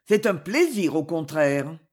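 A reader voicing a solemn, smitten older man with gray hair and a hoarse voice in a storybook reading. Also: mid-range voice, big pitch swings, measured pace, pitched below the performer's own voice. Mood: gallant.

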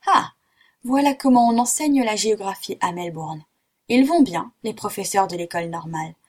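A woman playing an excitable French geographer. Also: mid-range voice, normal speed, husky. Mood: excited. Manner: exclamatory, theatrical outbursts. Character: excitable middle-aged male French geographer.

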